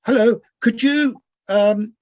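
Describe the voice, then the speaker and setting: A man giving a thoughtful answer in an online discussion, measured and deliberate, pausing mid-phrase. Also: very high-pitched, dry recording, dull audio. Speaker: speaker answering questions. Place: video call.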